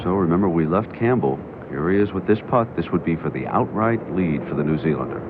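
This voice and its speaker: Male golf commentator and anchor, very low register, thin noisy TV audio. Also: lively intonation, fairly quick. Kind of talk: live golf commentary, announcer narration. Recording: noisy lo-fi TV broadcast, outdoor ambience.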